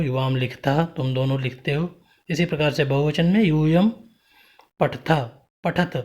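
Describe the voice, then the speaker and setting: A man's voice: on the high side, darkish tone. A man teaching a Sanskrit grammar lesson, reciting word forms one by one and explaining what each means. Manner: slow, deliberate recitation of word forms, each followed by its meaning.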